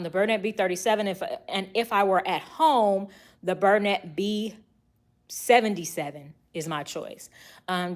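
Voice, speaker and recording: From her sewing office, a sewing channel host runs a casual tutorial, chatty and relaxed, thinking out loud as she works. Her voice is on the low side and drifts nearer and farther from the added mic as she moves around, with the camera across the room, a roomy echo and faint background hiss.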